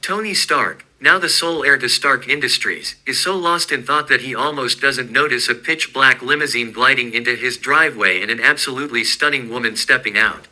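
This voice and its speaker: A man giving a scripted narration of a fan story in a smooth, even reading. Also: mid-range voice, brisk, few pauses, low-quality recording.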